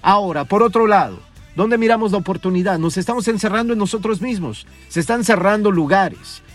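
Profane, high-voiced man ranting. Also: brisk, faint music behind. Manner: profane, scolding, mocking. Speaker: podcast host. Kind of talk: ranting motivational monologue.

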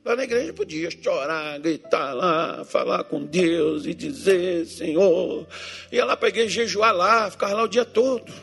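A pastor in full flow, teasing his flock and slipping into voices for the people in his stories. His voice sits high for a man, with a gravelly, husky edge. Soft music plays faintly behind him. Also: lively intonation, unhurried. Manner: teasing, acts out Bible figures and churchgoers in voices. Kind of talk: joking sermon to a congregation.

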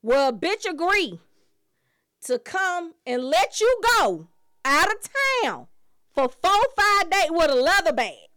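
A woman host telling a story in a profane, animated comedic rant. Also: very high voice, slow, dry recording, clean studio sound. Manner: profane, animated, quoting people in acted voices.

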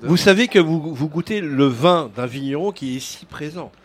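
A French-speaking male host with a slightly high voice, keeping a web radio chat lively with jokes and teasing. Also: moderate pace.

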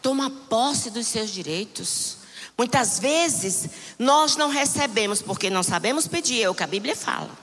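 High, bright-voiced woman preaching fervently. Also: animated, moderate pace. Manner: fervent, shouting declarations, teasing the congregation. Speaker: bishop preaching. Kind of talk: sermon. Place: church. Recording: long church reverb.

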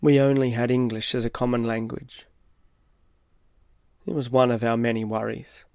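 A man reading his own reflective, literary personal essay as scripted narration, in a measured way. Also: medium pitch, little pitch movement, gravelly, clean tone, no room sound, clean studio sound. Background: soft guitar music.

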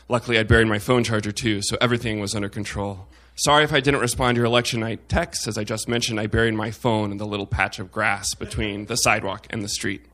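Bright-voiced man reading a wry essay. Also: mid-range voice. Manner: wry, self-mocking humor. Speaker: op-ed reader at a live show. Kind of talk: reading a personal essay on stage.

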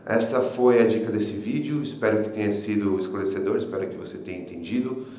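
Low-voiced Brazilian teacher in an echoey room. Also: male voice, brisk, warm tone. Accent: Brazilian Portuguese. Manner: frequent filler sounds and tag questions. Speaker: English teacher. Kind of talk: online language lesson.

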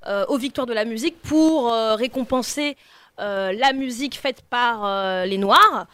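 Blunt woman with a slightly high voice. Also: unhurried, sharp tone. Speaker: co-host. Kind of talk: casual radio chat.

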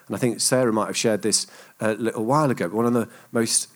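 A man's voice: lowish voice, fairly even intonation, fast talker. A middle-aged man from England preaching, telling anecdotes in a chatty, self-deprecating way. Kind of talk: sermon storytelling.

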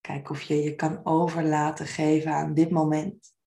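A woman guides a meditation in a soft, soothing way. Her voice sits low and stays very even, with a creaky edge at the ends of phrases. She phrases gently and without hurry. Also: moderate pace.

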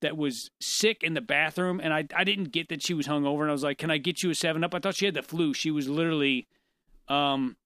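A man co-hosting a casual chat, telling stories in an animated, self-deprecating way with frequent laughter. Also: on the high side, fairly quick, smooth, no echo. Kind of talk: casual conversational storytelling.

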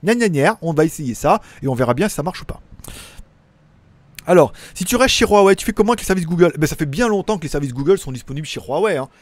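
A man's voice: a little high, lively intonation, fast, no room sound. A man from Lyon hosting a casual tech live stream, rambling through viewer comments with crude slang and lots of fillers. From Lyon, France. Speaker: tech channel host.

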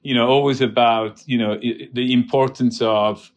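A man from near Naples with an Italian accent, a biotech CEO talking casually as an interview guest, pausing often with fillers. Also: mid-range voice, steady tone, muffled recording. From southern Italy, near Naples. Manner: thoughtful, many restarts and filler "uh".

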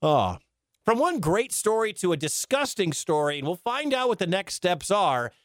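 Chatty sports radio host, dry studio sound. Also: male voice, high voice, very animated, normal speed, dry recording. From Detroit, grew up in Wisconsin. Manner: chatty, storytelling, laughs often. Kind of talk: casual radio talk.

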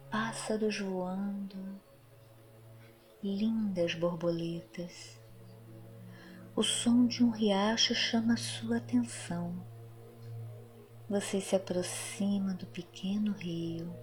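Very slow, soft woman guiding a meditation. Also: fairly low pitch. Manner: soft, soothing, very slow with long pauses. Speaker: guided meditation narrator. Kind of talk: guided meditation, scripted narration. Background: music.

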